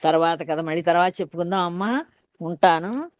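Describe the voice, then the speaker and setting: A woman's voice: fairly low pitch, a little fast, dry recording. Woman retelling a folk tale, dry sound. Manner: homely retelling, repeating and explaining each line. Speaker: storyteller. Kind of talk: devotional folk-tale narration.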